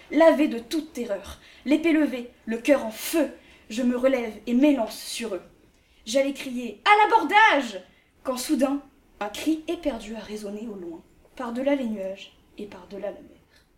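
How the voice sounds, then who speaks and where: A woman reciting spoken-word poetry in a lyrical, rhythmic way, like telling a story. Her voice is fairly high. The room around her sounds echoey. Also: warm tone, recorded from a distance.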